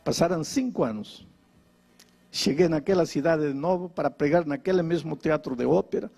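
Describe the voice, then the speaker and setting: High, husky preaching man. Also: moderate pace, a little mellow. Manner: dramatic, swings pitch widely when quoting people. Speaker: pastor. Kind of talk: storytelling sermon.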